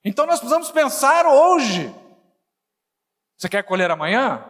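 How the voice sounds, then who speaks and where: A middle-aged male pastor preaching a sermon, joking and conversational, then rising to shouted emphasis. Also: extremely high pitch, sing-song, moderate pace. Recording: long hall reverb.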